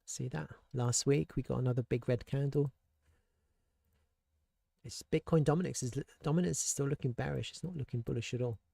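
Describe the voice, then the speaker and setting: A man's voice: mid-range voice, normal speed, gravelly, warm tone, no room sound, clean studio sound. A man giving casual, thinking-aloud commentary on crypto charts and world events, with rhetorical asides and frequent restarts. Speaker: crypto market analyst.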